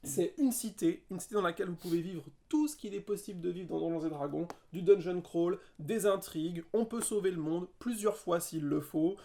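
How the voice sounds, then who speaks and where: Gravelly, enthusiastic man chatting. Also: high-pitched, mellow. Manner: enthusiastic, playful, quick asides. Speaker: podcast co-host. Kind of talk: casual chat about tabletop games.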